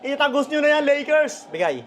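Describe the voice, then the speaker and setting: A man's voice: extremely high pitch, very animated, brisk. A man reacting live to a basketball game as a fan, calling out players, swearing and laughing at the plays.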